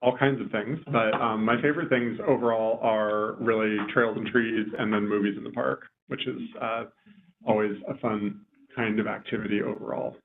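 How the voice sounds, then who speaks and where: A man's voice: fairly low pitch, steady tone, normal speed, vocal fry. Hesitant man at a meeting, phone-like audio. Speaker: consulting parks planner. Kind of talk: informal meeting introduction. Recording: tinny phone-like meeting audio, faint noise.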